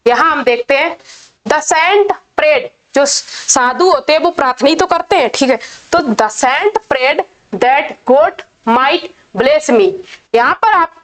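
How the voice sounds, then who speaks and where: Woman, grammar teacher, high voice, slow and patient, repeats every point. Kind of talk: Hindi grammar lesson.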